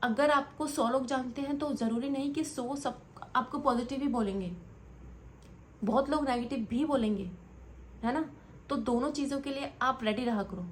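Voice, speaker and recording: A woman's voice: high voice, moderate pace, a little hiss or hum. A young woman vlogger talking straight to camera, earnestly scolding and rambling in a commentary vlog.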